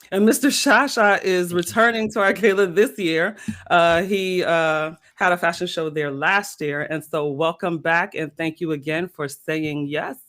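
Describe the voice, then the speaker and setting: A woman's voice: lowish voice, a bit bright. A woman hosting an interview, speaking earnestly and effusively about a church gala and her guest. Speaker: interview host. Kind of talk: hosted interview.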